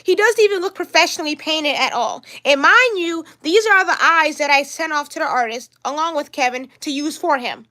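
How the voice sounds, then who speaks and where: A woman's voice: high-pitched, moderate pace, few pauses, sharp tone. A young woman on a livestream vlog, talking in an upset, rambling way and repeating herself. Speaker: vlogger.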